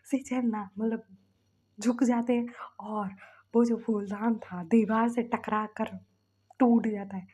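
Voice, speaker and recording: A woman casually retelling a fan fiction story, chatty, jumping into the characters' lines with quick excited bursts and often dropping into a whisper. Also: a little high, husky. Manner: often drops to a whisper mid-narration.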